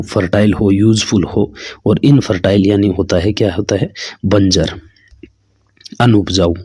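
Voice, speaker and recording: A man with a lowish, warm, husky voice teaches an exam-prep English lesson in a dry recording. He calls his listeners "friends" and poses questions that he then answers himself.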